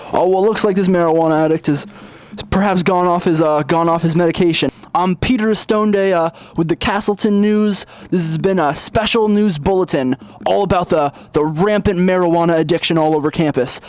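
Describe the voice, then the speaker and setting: A man's voice: high-pitched, darkish tone, lightly acted. A young man playing an earnest, clueless campus news reporter who stammers through a formal anchor delivery in a comedy sketch.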